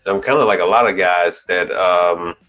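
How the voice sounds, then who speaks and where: A low-pitched, bright, forceful voice comes from a US commercial appliance repair technician in his forties who hosts a channel. At a moderate pace he rambles through casual live-stream chat, cursing lightly and restarting his sentences. The recording is dull and lo-fi, with faint background music.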